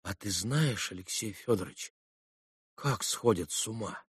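A man's voice: on the low side, unhurried, no room sound, clean studio sound. A man doing a curt, irritable brooding young man. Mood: hushed.

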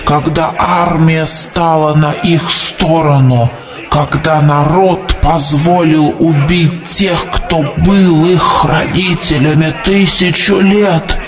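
An actor playing an old grey-haired prophet with a creaky, dusty voice, preaching doom to a crowd in an audiobook. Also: male voice, fairly high pitch, recorded from a distance. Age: older. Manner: solemn preaching to a crowd, rising to shouts. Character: ancient grey-haired male prophet, fervent and doom-laden. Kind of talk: audiobook character voice. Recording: voice over music.

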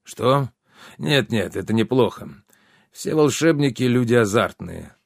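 A man's voice: mid-range voice, expressive, a little slow, creaky, dry recording, clean studio sound. A man voicing a serious, reserved wizard who speaks tersely in an audiobook. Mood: grave. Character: grave, reserved older male wizard.

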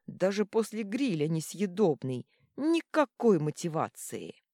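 Casual: lady doing a big three-headed serpent guy, blustery and whiny, dark dry voice. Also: sing-song, unhurried, dry recording, full character voice. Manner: booming menace turning to pleading. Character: huge three-headed male serpent monster, boastful then whiny.

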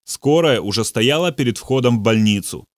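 A man narrating an audiobook in a measured, steady storytelling voice. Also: medium pitch, no echo, studio quality. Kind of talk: audiobook reading.

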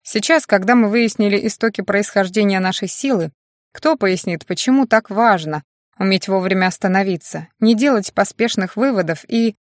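A woman voicing a dignified, weary male magister who lectures his students in a measured way. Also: medium pitch, dry recording, clean studio sound, natural voice.

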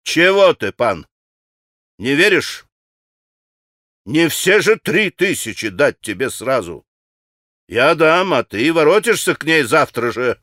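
A man's voice: on the high side, sing-song, takes it slowly, pauses often, a bit bright, no room sound, studio quality, heavily acted. A man voicing a desperate young man in an audiobook, pleading and faltering.

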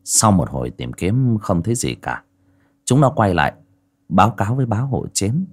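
Expressive male audiobook narrator. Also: on the low side, normal speed. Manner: expressive, storytelling cadence. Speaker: storyteller.

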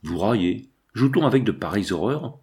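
A man voicing a bitter, defiant young Prussian in an audiobook, forceful and accusing. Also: fairly low pitch, expressive, a little fast, close to an everyday voice.

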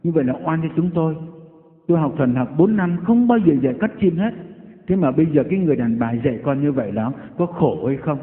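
A man's voice: fairly high pitch, quick pace. Man preaching in an echoey hall. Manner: folksy storytelling, animated quoted voices. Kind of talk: sermon with anecdotes. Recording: echoey hall over tinny lo-fi line.

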